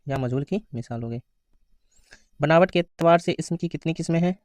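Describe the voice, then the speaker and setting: A man giving an exam-prep grammar lesson, asking questions and answering them himself, reading out the answer options slowly. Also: fairly high pitch, darkish tone, no echo, studio quality. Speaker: teacher.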